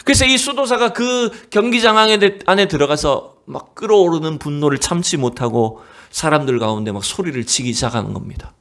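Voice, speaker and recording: A man preaching a sermon as pastor of a church. He tells a story dramatically, asks the congregation rhetorical questions, and swings between raised exclamations and hushed near-whispers. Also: fairly high pitch, expressive, a little fast, few pauses. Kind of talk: Wednesday evening sermon. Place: church sanctuary.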